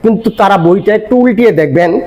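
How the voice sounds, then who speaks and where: Older man, high-pitched, grammar teacher, asks then answers. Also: brisk, darkish tone. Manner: explanatory, asks and answers his own questions. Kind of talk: classroom-style grammar lesson.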